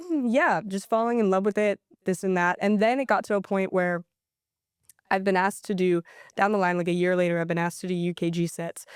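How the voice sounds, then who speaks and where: A woman's voice: medium pitch, brisk, clear, resonant tone, no room sound, studio quality. A young American woman, a DJ guest, telling stories animatedly in a casual podcast chat, full of "like" fillers. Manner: animated storyteller, lots of "like" fillers. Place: podcast studio.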